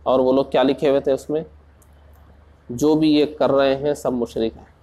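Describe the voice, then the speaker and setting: A man preaching in a slow, deliberate way, asking rhetorical questions and rising into passionate emphasis. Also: medium pitch, fairly even intonation, warm tone. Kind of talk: Urdu sermon.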